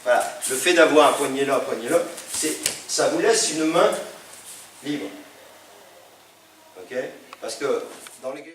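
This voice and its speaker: A man's voice: mid-range voice, measured pace, long pauses, a bit bright. A man teaching a self-defense class, explaining holds step by step while demonstrating on a partner. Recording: echoey hall, distant mic, noisy.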